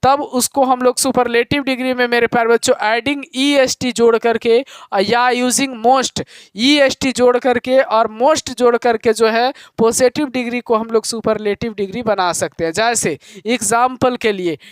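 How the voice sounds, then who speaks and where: A male teacher giving a grammar lesson, explaining slowly and repeating key points to his students. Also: very high-pitched, steady tone, clear, resonant tone, no echo. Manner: calls students "my dear children".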